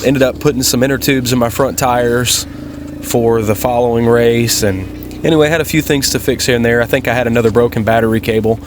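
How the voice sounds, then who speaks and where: A man's voice: mid-range voice, fairly even intonation, fairly quick, over music. A man giving casual, rambling vlog commentary about racing, in a folksy, laid-back way. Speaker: motovlogger and amateur off-road racer. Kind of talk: casual vlog commentary over race footage.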